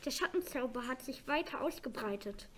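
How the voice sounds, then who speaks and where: A woman's voice: high voice, lively intonation, a little fast, a bit bright, slight background noise. A woman voicing a worried, firm dragon mother in a storybook reading.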